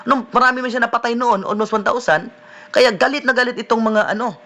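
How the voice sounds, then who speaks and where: A man, a deliverance minister preaching a sermon in a conversational way, often checking in with the listeners with a quick "no?". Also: very high voice, pushed and bright. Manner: conversational preaching, mixing in English phrases, frequent "no?" tag questions.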